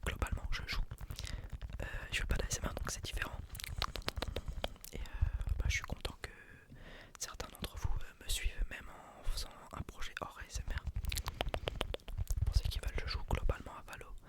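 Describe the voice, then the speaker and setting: A young man doing casual ASMR chat in a quiet, breathy night-time whisper, rambling informally and hesitantly. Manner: quiet, unhurried late-night murmur. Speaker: ASMR video creator and streamer.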